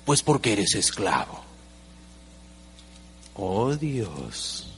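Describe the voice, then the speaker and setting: A man giving an animated seminar talk as a motivational speaker, acting out little dialogues with humor. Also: fairly low pitch, extremely slow, slight background noise. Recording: long hall reverb.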